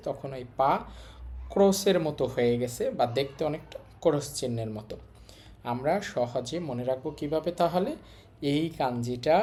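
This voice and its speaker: A teacher talks through a recorded lesson at an ordinary pitch. They break everything into small steps and go over each point more than once. Now and then they pose a question to the viewer and then answer it themselves. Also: a little mellow. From Bangladesh. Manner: explains step by step, repeats key points, asks and answers own questions. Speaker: language teacher.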